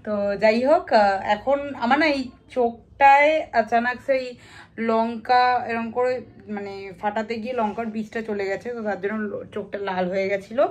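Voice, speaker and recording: A woman's voice: on the high side, steady tone, normal speed. A young woman chatting casually to camera in a vlog, confiding and talkative. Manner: chatty, confiding, speaking softly while eating. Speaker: vlogger.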